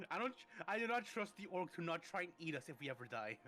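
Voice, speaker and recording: A man's voice: fairly high pitch, big pitch swings, fast talker, bright, forceful tone. Man voicing a haughty bird-folk warrior. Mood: wary. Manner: grandiose, haughty declarations. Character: proud, touchy male bird-folk warrior.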